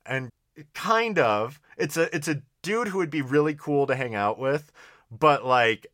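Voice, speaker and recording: A man with a bright, forward voice in a close, dry recording. He talks in casual podcast banter, hesitant and rambling, leaning on "like" and easygoing slang as he finds his way through a thought. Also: mid-range voice, lively intonation, measured pace, no room sound. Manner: hesitant, rambling, heavy use of "like". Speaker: podcast co-host. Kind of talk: casual banter, fantasy draft commentary.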